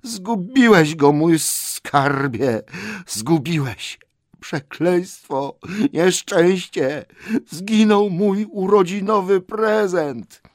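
A man voicing a wretched, scheming creature in an audiobook, with a whiny, croaking, hissing voice. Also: mid-range voice, expressive, slow pace, dry recording, studio quality, pitched above the performer's own voice. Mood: wailing. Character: wretched slimy creature, whining, scheming, obsessive. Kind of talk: audiobook character voice.

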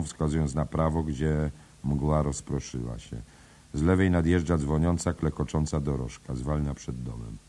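A man with an extremely deep, breathy voice reads stage directions in a measured, steady way. His scripted narration keeps a calm, even flow. The husky low tone carries every line.

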